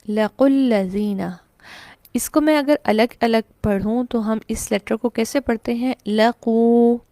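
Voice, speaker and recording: A woman with a Pakistani Urdu accent, teaching a Quran recitation lesson with a fairly high voice. She explains each rule step by step, poses questions and answers them herself, and recites verses slowly. The recording is close and dry, with no room sound. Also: darkish tone, dry recording. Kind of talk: online tajweed lesson.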